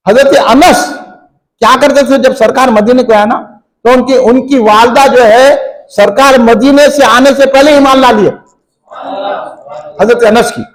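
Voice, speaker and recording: A man preaching, his voice pitched very high for a man. He delivers an impassioned sermon, firing questions at the crowd and climbing into shouts. It sounds like a religious gathering in a function hall. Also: steady tone, a little slow, long pauses. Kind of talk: fiery sermon.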